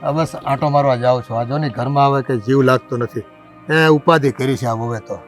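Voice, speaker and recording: A man's voice: medium pitch, a little fast, soft background music, close to an everyday voice. An actor playing a worried older village father. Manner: weary, troubled.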